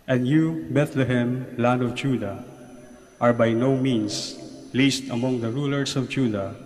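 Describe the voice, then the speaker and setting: A man's voice: mid-range voice, darkish tone. Man reading scripture in cathedral echo. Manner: measured, formal proclamation. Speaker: priest proclaiming the Gospel at Mass. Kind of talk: solemn liturgical scripture reading. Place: large church interior. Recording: cathedral echo, long church reverb.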